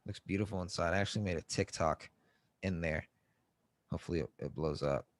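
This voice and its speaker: A man co-hosting a podcast in casual joking chat, swearing often and breaking into loud mock outbursts. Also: sits low, a little fast, dry recording. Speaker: podcast co-host.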